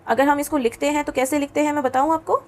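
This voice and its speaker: A woman teacher giving a lesson to schoolchildren, patient and coaxing, often asking them questions, dropping English words into her talk and slowing down to pronounce letters and words clearly. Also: high voice, steady tone. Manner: mixes English words into Hindi. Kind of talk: classroom lesson for children.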